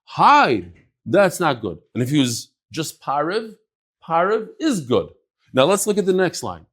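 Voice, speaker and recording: A man's voice: a little high, very animated, moderate pace. A man teaching a daily Talmud class who mixes English with Aramaic and Hebrew terms, asks questions and answers them himself, and acts out the speakers in the text.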